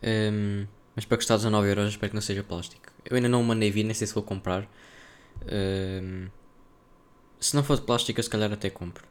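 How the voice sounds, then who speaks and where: This solo podcast host is a young man with a European Portuguese accent, talking fast in a lowish, clean-sounding voice. His tone stays level with very little melodic movement as he thinks out loud in a rambling, slang-heavy, casual way.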